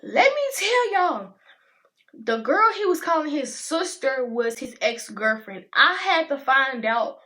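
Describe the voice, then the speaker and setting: High, bright-voiced teen girl telling a story. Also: slow pace. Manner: chatty, animated, addresses viewers as y'all. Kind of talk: casual storytime vlog.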